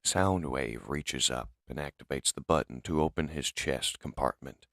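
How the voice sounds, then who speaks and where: A man narrating a comic dub in steady, descriptive storytelling. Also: rumbling low, normal speed, vocal fry, no room sound, studio quality.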